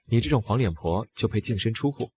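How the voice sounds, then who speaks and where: An actor playing a shameless scheming husband in a drama, talking fast with a husky, low voice. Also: male voice, animated, darkish tone. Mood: scornful. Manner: fast, pleading then scornful. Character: shameless scheming husband, young adult man. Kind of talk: dubbed drama acting.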